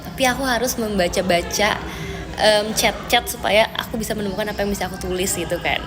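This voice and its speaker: A woman's voice: medium pitch, brisk, in a large hall. A young woman chatting casually on a live stream, answering viewer comments with lots of fillers. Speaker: idol group member streaming live.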